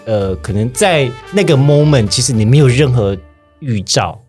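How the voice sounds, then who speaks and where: A man with a Taiwanese Mandarin accent hosts a casual podcast chat. His pitch rises and falls animatedly as he teases his guest. Faint background music is heard. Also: animated, normal speed, a little mellow. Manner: joking, teasing interjections. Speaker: podcast host.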